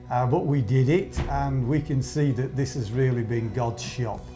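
A man's voice: medium pitch, warm tone. A man, a church leader, speaking earnestly in a documentary interview.

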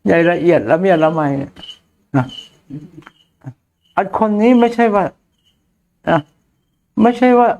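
A man's voice: high voice, lively intonation, measured pace, vocal fry, long pauses, a little mellow, highs cut off. An older man, a Buddhist monk, giving a blunt, earthy dharma talk to a follower, laughing often. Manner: blunt, crude familiar speech, frequent laughter.

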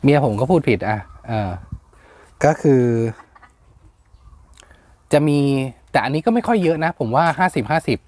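Slow, hesitant man explaining plant names. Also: on the high side, sing-song, darkish tone, no room sound. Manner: unhurried, hesitant with fillers, spells words out letter by letter. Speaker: plant channel host. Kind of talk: casual explainer vlog.

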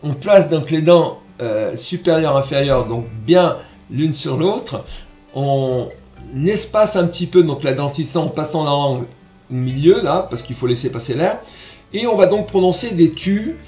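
Male trumpet teacher, patient and explanatory, slightly high voice, roomy echo. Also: animated, unhurried, a little mellow, faint music behind. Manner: patient, explanatory, demonstrates syllables aloud. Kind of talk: online music lesson.

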